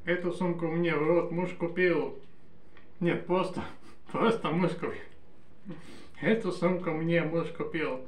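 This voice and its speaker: A man chews food as he talks, slow and drawn-out, in a playful, joking manner. His voice sits a little high and rings in an echoey room. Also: fairly even intonation. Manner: joking, playful, sings snatches of songs. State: chewing while talking. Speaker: mukbang vlogger. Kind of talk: casual chat while eating on camera.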